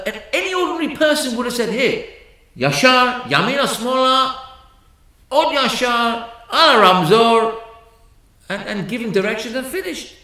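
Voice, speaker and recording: A male rabbi telling stories in a sermon, animated, often repeating words and using Hebrew terms. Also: high-pitched. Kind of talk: storytelling sermon. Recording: very echoey room.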